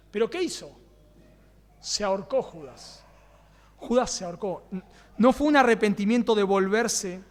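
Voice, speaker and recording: A man's voice: high-pitched, in a large hall. A man with a Rioplatense Spanish accent preaching a sermon as pastor, earnest, repeating key phrases and asking the congregation rhetorical questions. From Argentina. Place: church.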